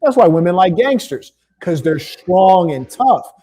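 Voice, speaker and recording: A high-pitched man hosts a heated call-in debate. He lectures in a dismissive way and talks over the caller again and again. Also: sing-song, measured pace, warm tone. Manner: lecturing, dismissive, keeps interrupting. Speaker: debate show host.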